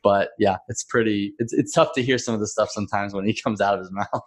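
A man's voice: lowish voice, fairly even intonation, fast. A man speaking as a podcast guest in casual chat, easygoing and laughing between points.

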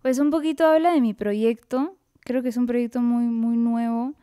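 A woman in her twenties from Peru with a Lima accent, a singer being interviewed, easygoing and relaxed. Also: fairly high pitch, normal speed, smooth, no echo, studio quality. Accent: Peruvian, Lima. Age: 20s. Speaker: singer, podcast guest. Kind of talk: casual interview.

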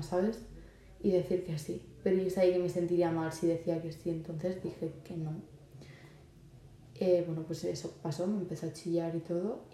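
A woman's voice: fairly low pitch, warm tone. A young woman from Spain with a Spanish accent, hosting her podcast and chatting loosely, with lots of fillers, as she gives advice. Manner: chatty, lots of fillers, acts out quoted lines. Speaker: podcast host. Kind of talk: casual advice monologue. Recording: echoey room.

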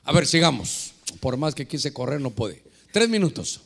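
A man preaching as pastor, animated and preachy, acting out prayers and dialogues as he answers questions. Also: fairly high pitch, moderate pace, vocal fry, in a large hall. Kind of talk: lively sermon with questions from listeners.

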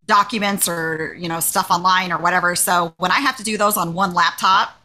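A woman in her forties co-hosting a podcast, telling work stories in a casual, animated way. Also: brisk. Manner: animated storyteller, jumps up in pitch for quoted voices. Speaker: podcast co-host. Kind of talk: casual chat.

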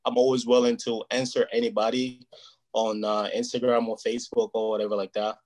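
The speaker is a man whose first language is Portuguese, chatting casually as an interview guest. His mid-range voice is darkish and briskly paced with little pitch movement, and he talks earnestly and at length, often checking "you know what I mean".

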